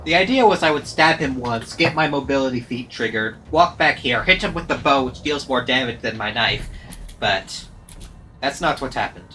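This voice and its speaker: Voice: mid-range voice, animated, normal speed, pushed and bright, a little hiss or hum. A streamer giving wry, self-mocking running commentary while playing a game live. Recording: game music playing underneath. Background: game music and sound effects.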